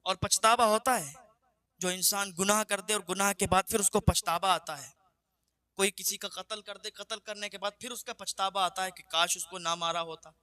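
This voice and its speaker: A man's voice: sits high, steady tone, pushed and bright. A man telling a religious moral tale in an earnest preaching cadence that repeats each point. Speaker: religious storyteller.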